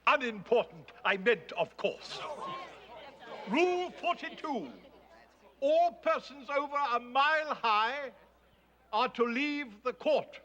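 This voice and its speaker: High-voiced, blustering, muddled king. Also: lively intonation, slow pace, bright, forceful tone, muffled recording, exaggerated voice. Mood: muddled, pompous. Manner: blustering, dithering. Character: muddled, blustering, henpecked storybook king as judge. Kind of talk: theatrical comic fantasy acting.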